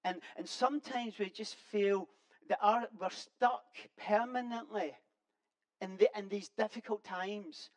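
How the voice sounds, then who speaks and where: Preacher, sermon, conversational and earnest, halting delivery with frequent restarts. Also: mid-range voice, poor audio.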